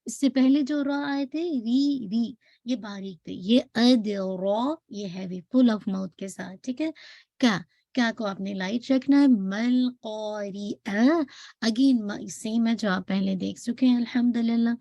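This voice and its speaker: A woman leads a Quran recitation lesson, her voice pitched a bit high but warm and mellow. She models each sound slowly and patiently, drawing syllables out, then checks in with her listeners. The sound is dry and close, with no room echo. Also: creaky, highs cut off.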